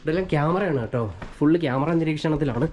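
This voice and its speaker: A man's voice: fairly high pitch, fast, noisy background. A man with a Malayali accent giving casual walking vlog commentary, mixing Malayalam with English words. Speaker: travel vlogger. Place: walking around an old village outdoors.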